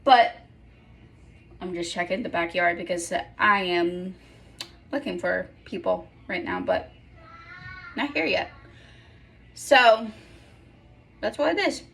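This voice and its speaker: A woman's voice: on the low side, slow pace, creaky, long pauses, a bit bright. A young woman in casual vlog chat at home, rambling and correcting herself with apologetic asides. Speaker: vlogger.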